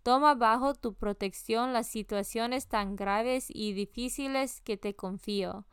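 A woman reading scripture and daily prayers in a measured, solemn devotional style. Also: fairly high pitch, clean tone, dry recording, studio quality. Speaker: scripture reader.

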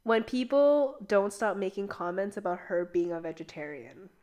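A woman's voice: mid-range voice, normal speed. A young woman co-hosting a podcast in casual chat, talking animatedly with lots of filler "like". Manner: chatty, heavy use of "like", animated storytelling. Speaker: podcast co-host.

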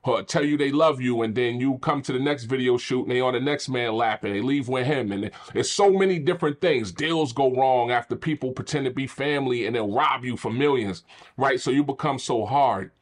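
A man hosting a podcast, telling a candid personal testimony with animated, preacher-like energy. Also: mid-range voice, a little fast. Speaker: podcast host.

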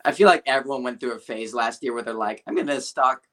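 A man in his twenties, a podcast guest who tells stories in an animated, self-dramatizing way. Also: mid-range voice, fast talker. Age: 20s. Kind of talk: casual podcast chat.

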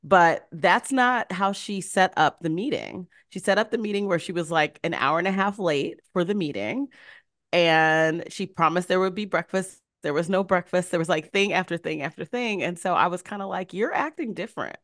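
A woman's voice: on the low side, moderate pace, a bit bright, dry recording, clean studio sound. A woman co-hosting a podcast, speaking frankly and emphatically. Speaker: podcast co-host. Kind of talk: casual chat.

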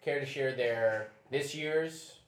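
A young man moderating a casual roundtable chat, relaxed and rambling, often trailing off and restarting. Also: medium pitch, slow, slight background noise. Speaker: discussion moderator. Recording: roomy echo.

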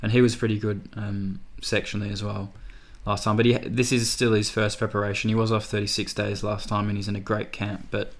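A man's voice: fairly low pitch, flat delivery, fairly quick, few pauses. An Australian man chatting casually through horse racing form as a tipster, in a tentative, hedging way. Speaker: racing tipster, podcast co-host. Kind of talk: casual racing analysis chat.

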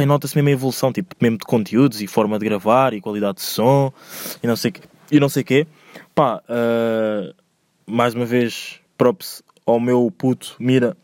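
A man's voice: mid-range voice, darkish tone, no room sound, clean studio sound. A young man with a European Portuguese accent hosting a solo podcast, rambling in slangy, casual talk and ranting with growing heat. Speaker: podcast host. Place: indoors, recorded alone at home.

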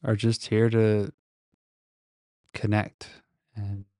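A man's voice: on the low side, monotone, extremely slow, dark tone, clean tone, dry recording. A man recording a casual, reflective solo podcast monologue very close to the microphone, speaking in a hesitant, introspective way. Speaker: podcast host.

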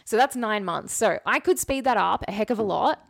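A podcast co-host with a medium-pitched, gravelly voice talks a little fast with lively intonation. She chats casually in a playful, mock-serious manner, working through a formula aloud as part of comedic banter.

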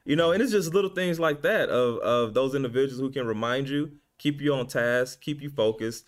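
A man's voice: mid-range voice, a little fast. A man who mentors college athletes, talking in a casual interview, laughing often and repeating words as he thinks. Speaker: guest, football program staff mentor.

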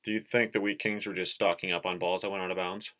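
Male podcast co-host, Upper Midwest, slightly low voice, jokey and loose. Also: flat delivery, quick pace, fairly bright tone. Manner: joking, laughs at own jokes. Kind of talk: casual sports chat.

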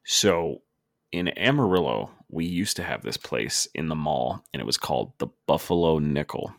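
Really deep voiced podcast dude, rambles and laughs a lot, dry mic. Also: male voice, lively intonation, moderate pace, vocal fry, no echo. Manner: rambling, laughs often, many restarts. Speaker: podcast co-host. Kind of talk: casual chat.

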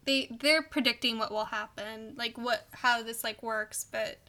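Bright-voiced woman in casual podcast chat. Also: on the high side, fairly even intonation, measured pace. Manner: chatty, full of "like". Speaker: podcast co-host. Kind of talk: casual chat about a TV show.

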